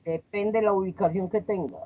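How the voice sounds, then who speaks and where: A woman's voice: medium pitch, steady tone, brisk. Woman student, inquisitive, direct questions; lo-fi call audio. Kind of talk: asking questions in an online class.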